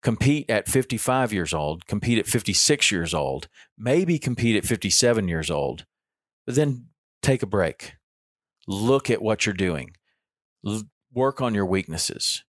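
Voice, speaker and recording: This podcast host, a man in his fifties, talks casually by himself, often pausing on ums and starting sentences over. He speaks in a lowish, animated voice at a slightly slow pace, and the studio recording is clean with no room sound.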